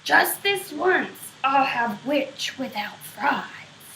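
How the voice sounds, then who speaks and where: A woman voicing a mean, hungry male dragon in a storybook, speaking slowly and menacingly. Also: sits high, expressive, pushed and bright, distant mic, a little hiss or hum, full character voice. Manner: slow, menacing. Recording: roomy echo.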